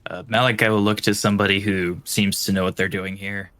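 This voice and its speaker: A man's voice: low-pitched, flat delivery, brisk, a bit bright, no echo. A man playing a tabletop role-playing game, talking casually through his character's moves and questions.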